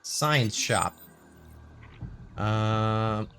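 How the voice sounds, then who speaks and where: A man hosting a video game let's play, thinking aloud in casual gameplay commentary with lots of pauses. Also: fairly low pitch, pushed and bright. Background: game music.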